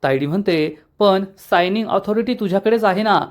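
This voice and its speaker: A man narrating an episode recap of a TV serial in a steady storytelling manner, acting out each character's lines. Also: high voice, fairly quick.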